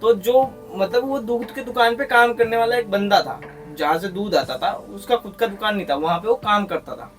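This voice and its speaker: A young man with a Mumbai Hindi accent tells a ghost story in lively, crude street slang. His voice sits high and picks up some distance from the mic. Music plays clearly underneath. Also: moderate pace. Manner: animated, slangy, crude humor. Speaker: podcast storyteller. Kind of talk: casual horror storytelling.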